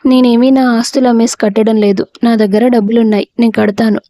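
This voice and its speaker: A woman voicing a kind male cousin who speaks gently and with concern. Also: fairly high pitch, flat delivery, brisk, dry recording, lightly acted.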